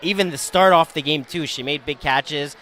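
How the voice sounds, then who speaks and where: A man's voice: on the high side, normal speed, sharp tone, a little hiss or hum. A man giving conversational post-game analysis as a sports commentator in the booth.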